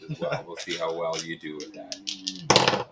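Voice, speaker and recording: A man's voice: deep voice, very noisy. Laid-back male game master. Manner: relaxed, halting, many fillers. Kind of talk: narrating a tabletop game.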